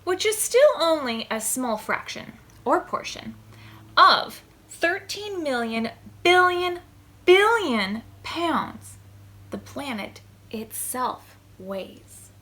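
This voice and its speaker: At a preschool storytime, a librarian with a fairly high voice reads a picture book very slowly and expressively, stressing words deliberately for the small children listening. There's a bit of background noise.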